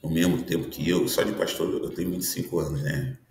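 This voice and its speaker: Deep low voice, pastor around 50 doing an earnest sermon, echoey room. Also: male voice, steady tone, a little fast, a little mellow, slight background noise. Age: 50s. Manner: earnest preaching with frequent tag questions. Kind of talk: prophetic teaching sermon.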